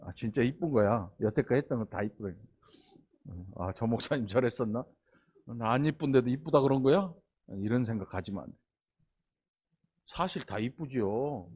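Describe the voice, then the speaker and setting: A middle-aged man from the region preaching a sermon, chatty and teasing, tossing quick questions and asides at the congregation. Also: medium pitch, lively intonation, darkish tone, husky. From Honam region of Korea. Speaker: pastor.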